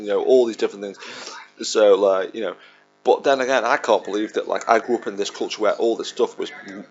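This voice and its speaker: A man in his thirties talks through a film in a loose, rambling fan commentary. His voice sits low with a gravelly fry. The recording is dull and lo-fi, with the film's soundtrack faintly underneath. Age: 30s. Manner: rambling and chatty, laughs along. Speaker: podcast host.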